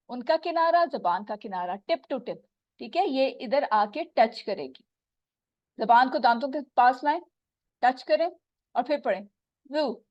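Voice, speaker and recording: A woman teaching Quran recitation, patiently explaining and slowly repeating sounds to demonstrate them. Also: sits high, dry recording, muffled recording. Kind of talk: tajweed lesson.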